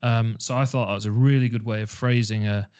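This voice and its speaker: A man hosting an online team meeting, talking in a relaxed, reflective way with fillers. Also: on the low side, brisk, muffled recording. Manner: conversational, reflective, uses fillers. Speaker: webinar host. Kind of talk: casual online meeting chat.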